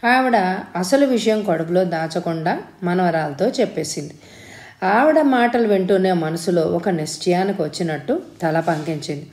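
A woman narrating a story in a steady, even storytelling manner as an audiobook reader. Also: fairly low pitch, moderate pace. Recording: roomy echo.

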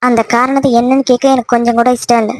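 A woman voicing a hurt, angry young woman in a cartoon love story, snapping sharp, dismissive retorts. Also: on the high side, flat delivery, fast, no room sound, natural voice. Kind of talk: cartoon voice acting.

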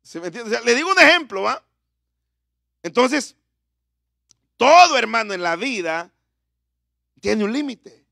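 A man's voice: very high voice, very animated, unhurried, creaky, long pauses, sharp tone, no echo, studio quality. A middle-aged man preaching a sermon in church, talking conversationally and firing questions at the congregation.

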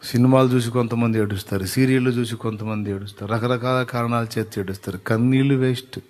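A man's voice: medium pitch, fairly even intonation, quick pace, darkish tone, big-room sound. A man preaching a sermon as a pastor, exhorting with emphatic repetition.

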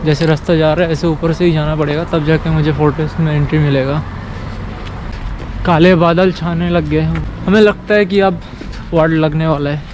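Young man, higher voice, chatty travel vlog, walking outside, camera held out, loud traffic noise. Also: steady tone, moderate pace. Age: 20s. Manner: chatty, rambling, walking while talking. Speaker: travel vlogger. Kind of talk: casual vlog narration. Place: outdoors on rainy city streets. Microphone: handheld action camera at arm's length.

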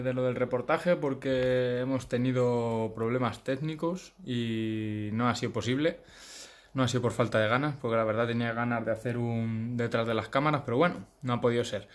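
A man in his thirties with a Peninsular Spanish accent, chatting casually to camera as a vlogger at home. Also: medium pitch. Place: room at home, indoors. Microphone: phone close to face.

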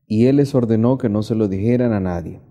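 A man in his thirties, a priest, reading the gospel and preaching a homily in a measured, teaching way with repeated questions to the congregation. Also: lowish voice, dark tone. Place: small indoor chapel.

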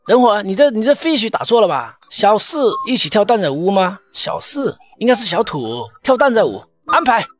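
A man's voice: high voice, very animated, moderate pace, few pauses. A man hosting a playful comment-reading gaming video, joking and exclaiming with plenty of Chinese internet slang. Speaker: video creator and host reading fan comments.

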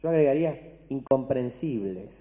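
A man's voice: medium pitch, lively intonation, moderate pace, dark tone. Argentine man lecturing in an echoing hall. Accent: Argentine Spanish. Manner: conversational, asks "¿no?" often, restarts words. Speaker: philosophy lecturer. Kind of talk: university-style lecture to a large audience. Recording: long hall reverb.

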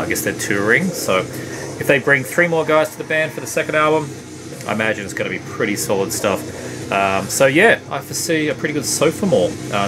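At home in a room lined with CD shelves, a middle-aged vinyl collection vlogger chats casually about his records, relaxed and rambling with plenty of uhs and ums. His voice is medium in pitch. The camera sits at desk distance, picking up a background hum and faint tape music.

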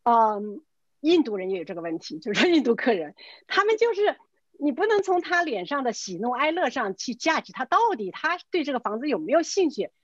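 With a high-pitched voice and a fairly quick pace, this middle-aged woman in real estate recounts a story casually, dramatizing the dialogue and weaving in English words. The video call sounds dull but has no room echo.

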